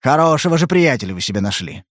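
A man doing a gruff, irritable detective. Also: mid-range voice, very animated, quick pace, no room sound, clean studio sound, lightly acted. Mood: brusque. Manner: curt, blunt, growling. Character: gruff, irritable hard-bitten male detective. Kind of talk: audiobook character reading.

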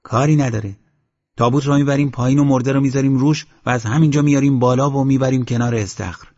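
A man's voice: mid-range voice, expressive, darkish tone, slightly rough. A man reading the lines of an eager young village man in an audiobook, on a dull lo-fi recording.

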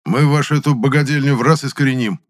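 A man's voice: mid-range voice, fast talker, pitched above the performer's own voice, natural voice. A man doing a brash, bossy squad leader. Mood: mocking, commanding. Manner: sharp, mocking, commanding. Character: brash young male agitation-squad leader, aggressive.

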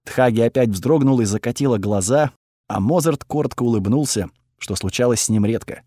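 A man narrating a first-person fantasy audiobook in a steady, measured way. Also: medium pitch, no echo, studio quality.

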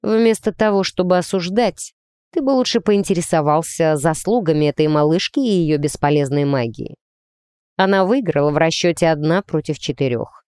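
A woman voicing a calm male team coach in an audiobook, speaking dryly and steadily. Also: deep voice, normal speed, smooth, no room sound, lightly acted. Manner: dry and steady.

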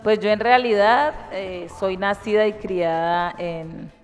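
A woman reads a personal memoir aloud in a lively, storytelling way. Her voice rings with a long hall reverb, and faint music plays underneath. She was recorded in a community cultural house. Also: medium pitch, takes it slowly. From Cali, Colombia. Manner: chatty, laughing intro, then lively storytelling reading. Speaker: community participant reading from a women's book.

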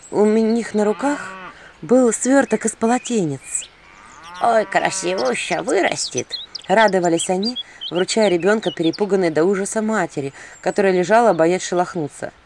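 A woman narrating an audiobook story in an expressive, wry first-person manner. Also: mid-range voice, brisk, slight background noise.

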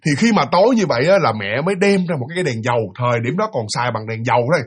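A man telling a ghost story in a casual, animated way, repeating himself as he talks. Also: mid-range voice, racing, slightly rough. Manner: animated, repetitive, conversational.

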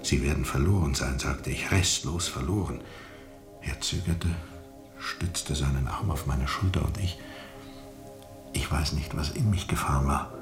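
Very deep-voiced, haunted sea captain. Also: male voice, unhurried, over music. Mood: haunted, grim. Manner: brooding, intense, swings between whispering and forceful declaiming. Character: haunted, feverishly intense sea captain recounting a jungle ordeal. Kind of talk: German radio drama monologue.

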